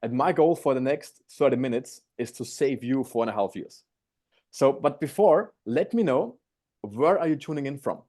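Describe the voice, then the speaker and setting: A man's voice: medium pitch, expressive, moderate pace, dark tone. A man in his twenties from Austria with an Austrian accent, eagerly teaching an online sales masterclass from home on a video call. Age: 20s. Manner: upbeat, eager, slightly non-native phrasing. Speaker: guest speaker.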